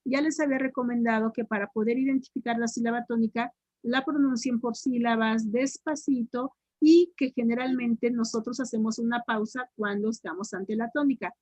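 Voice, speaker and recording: A Mexican woman teacher runs a grammar drill, her fairly high voice echoing each student answer. She draws words out slowly, syllable by syllable. The sound is dry and close. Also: steady tone, a little mellow. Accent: Mexican Spanish. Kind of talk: online grammar tutoring.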